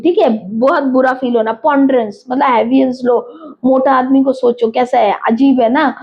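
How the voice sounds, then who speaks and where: High-voiced woman teaching vocabulary. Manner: explains words with everyday examples, repeats terms, asks rhetorical checks. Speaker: English teacher. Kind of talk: exam-prep vocabulary lesson. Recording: slightly dull lo-fi audio.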